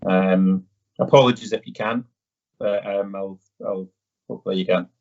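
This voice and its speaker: A man from Edinburgh, Scotland, with an Edinburgh accent, hosts a casual live Q&A session in a polite, conversational way, his delivery hesitant. His deep, darkish voice keeps a fairly even intonation at a moderate pace. The audio sounds dull and slightly muffled.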